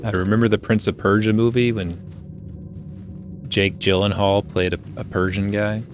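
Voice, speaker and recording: A man's voice: lowish voice, flat delivery, moderate pace, faint music behind. A young man streaming a game from a home room, rambling casually with lots of filler words into a desk mic. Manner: rambling, filler-heavy musing. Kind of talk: casual gameplay commentary.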